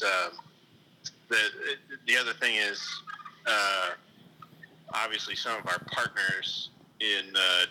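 A man's voice: fairly low pitch, sharp tone, slight background noise, low-quality recording. Man heard over a speakerphone. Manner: halting, many fillers and restarts. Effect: heard over a speakerphone call. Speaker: whiskey blender called in. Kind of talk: casual phone answer. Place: away at lunch.

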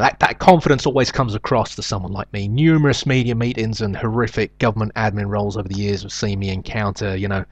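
A man's voice: fairly low pitch, breathy edge, dry recording. A middle-aged man with a nasal South London accent, hosting a show with a rambling, hesitant, self-deprecating comic monologue. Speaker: show host.

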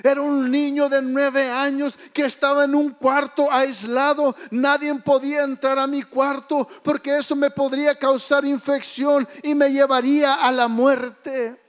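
A man's voice: very high-pitched, little pitch movement, measured pace, few pauses. A man giving an impassioned spoken testimony with a preaching delivery. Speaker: testimony speaker. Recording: long hall reverb.

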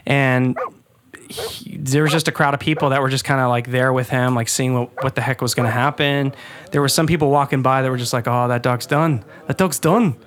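A young man from Texas, a podcast co-host, telling jokey, animated stories in casual chat. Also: mid-range voice, fairly quick.

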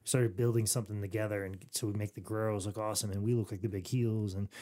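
A man's voice: fairly low pitch, fairly even intonation, fast talker, warm tone. A man hosting a podcast, talking casually and rambling through stories with many restarts and fillers. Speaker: podcast host. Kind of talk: casual chat.

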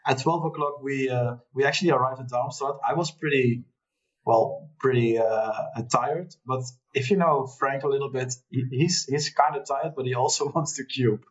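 A man with a Dutch accent, chatting casually as a podcast guest, halting with many restarts and frequent laughs. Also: medium pitch. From Netherlands. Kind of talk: casual chat. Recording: muffled lo-fi audio, far from the mic.

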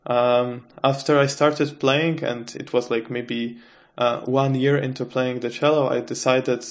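A young man answers questions as a podcast guest. He speaks at a middle pitch and pauses often to think. He restarts his sentences as he goes. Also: flat delivery. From Czech Republic. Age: 20s. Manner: thoughtful and hesitant, with restarts. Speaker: guest, adult cello student. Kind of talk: casual interview answers.

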